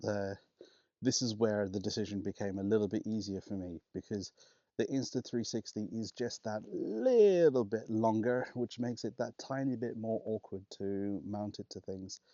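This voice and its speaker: A man's voice: lowish voice, moderate pace, warm tone, no echo, dull audio. A man vlogging outdoors on a walk, talking casually and rambling with restarts and laughs, recorded on a clip-on wireless mic. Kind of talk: casual walking vlog.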